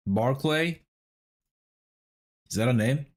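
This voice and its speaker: Young guy streamer mumbling puzzle guesses, swears a lot, mid pitch, talks to chat. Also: lively intonation, slow. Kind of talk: casual stream chat, thinking aloud over a word puzzle.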